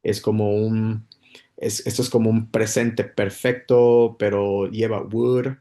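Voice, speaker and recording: A man's voice: on the low side, little pitch movement, takes it slowly, mellow. A man giving a casual spoken English lesson, explaining patiently with many repetitions and restarts. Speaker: English teacher.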